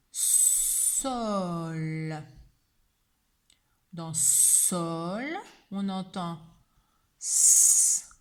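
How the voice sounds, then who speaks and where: Woman teacher doing a dictation for a kid, super slow, patient, breaks each word into sounds. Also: mid-range voice.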